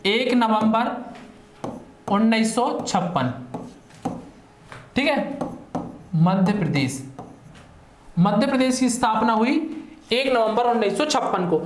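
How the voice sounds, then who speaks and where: A man's voice: high-pitched, expressive, takes it slowly, long pauses, slight background noise. A male teacher, giving an online exam-prep lesson in a chatty way and often checking in with his listeners. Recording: echoey room.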